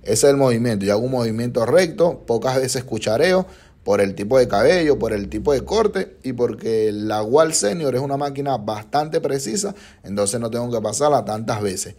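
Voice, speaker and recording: A man's voice: medium pitch, expressive, moderate pace, warm tone. Young male barber explaining a fade. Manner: patient, instructive, often checks in with "ok?". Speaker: barber teaching a haircut. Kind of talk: step-by-step tutorial narration.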